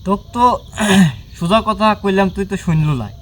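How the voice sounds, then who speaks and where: Male ghost hunter, slightly high voice, barking repeated orders at a spirit outdoors at night, faint crickets behind. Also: animated, normal speed, fairly bright tone, a little hiss or hum. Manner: commanding and scolding, repeats short orders. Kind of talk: confronting an unseen spirit during a night ritual. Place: outdoors at a bamboo grove at night.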